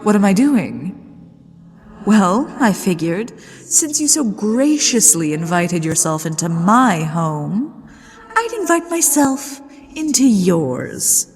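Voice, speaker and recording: In long, ghostly reverb over music, a woman acts out the genteel lady ghost of a haunted manor for an ASMR roleplay. She is coy and flirtatious, drawing out her words slowly with aristocratic mischief. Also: mid-range voice, sing-song, breathy edge, full character voice. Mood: possessive, playful. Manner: coy, aristocratic, teasing, slow and deliberate.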